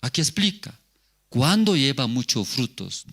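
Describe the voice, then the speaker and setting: A man's voice: medium pitch, big pitch swings, a little slow, a bit bright. A male pastor giving a sermon, asking the congregation rhetorical questions and repeating key words.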